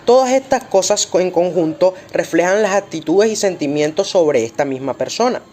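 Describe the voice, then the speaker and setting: Student presenter reading class notes aloud, even, mid-pitched delivery. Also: normal speed.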